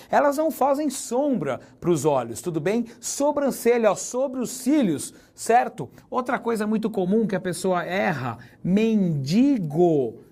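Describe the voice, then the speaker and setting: Joking teacher. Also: male voice, high-pitched, a little mellow. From Brazil. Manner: chatty, joking, spells words out slowly and stresses them. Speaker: Portuguese teacher. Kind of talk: recorded exam-prep lesson.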